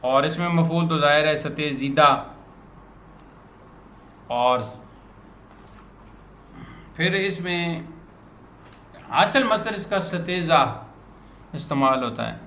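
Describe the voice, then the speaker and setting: A man teaching a grammar lesson to a student, patiently repeating words slowly as a drill. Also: fairly high pitch, a bit bright. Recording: roomy echo, faint background noise.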